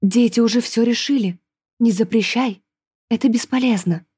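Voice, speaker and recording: A woman's voice: on the high side, normal speed, mellow, husky, no echo, clean studio sound, voice pushed up. A woman reading an audiobook, voicing an older grandmother who speaks earnestly and pleadingly to her family. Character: older grandmother, gentle but firm.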